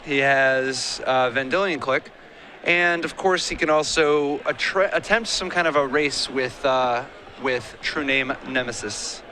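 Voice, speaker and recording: A color commentator with a mid-range, bright, forceful voice speaks at a measured pace during live tournament commentary, casual and joking as he bantering with his co-host between plays. A little hiss or hum can be heard.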